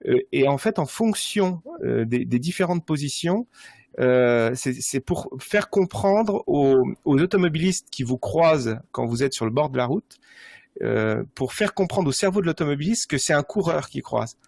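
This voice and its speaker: A man explaining running gear on a podcast, with frequent pauses and restarts. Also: fairly high pitch, animated, gravelly, darkish tone, no room sound, clean studio sound. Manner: explanatory, many hesitations and restarts. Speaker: running gear expert guest. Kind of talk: casual podcast conversation.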